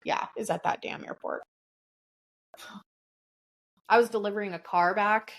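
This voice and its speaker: A woman's voice: medium pitch, a little slow. Podcast co-host, middle-aged woman, casual storyteller who curses and acts out quotes. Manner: animated, swears freely, acts out quotes.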